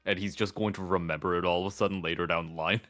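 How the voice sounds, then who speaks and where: A man's voice: sits low, fairly even intonation, very fast, a bit bright, no room sound, faint music behind. A man chatting casually about a game, rambling with lots of fillers.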